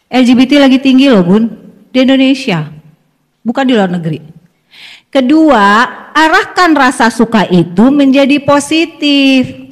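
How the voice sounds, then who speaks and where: High-voiced woman psychologist in a reverberant hall. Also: unhurried. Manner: animated, acts out parent and child lines, laughs with audience. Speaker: child psychologist giving a parenting seminar. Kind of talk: lively seminar talk. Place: school hall.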